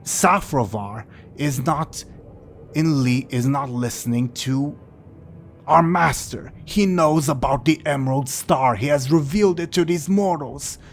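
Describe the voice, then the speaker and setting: A man's voice: mid-range voice, a little slow, faint music behind, pitched above the performer's own voice, natural voice. A man voicing a vengeful male demon who speaks through another's throat, pleading and then hurling insults. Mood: urgent.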